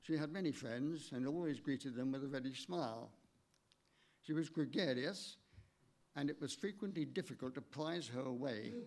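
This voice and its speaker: An older man, giving a measured, halting eulogy for his late wife in a church, read from notes with small stumbles. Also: medium pitch, a little mellow.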